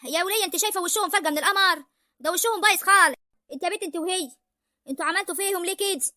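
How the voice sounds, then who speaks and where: امرأة تؤدي دور حماة ريفية مشاكسة بلهجة ريفية مصرية، تتكلم بسرعة شديدة وبنبرة عالية لاذعة في اسكتش كوميدي. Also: female voice, extremely high pitch, pushed and bright, no room sound, clean studio sound. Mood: scolding. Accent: rural Egyptian. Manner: scolding, argumentative, fast. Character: sharp-tongued rural mother of the brides. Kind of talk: comic village sketch.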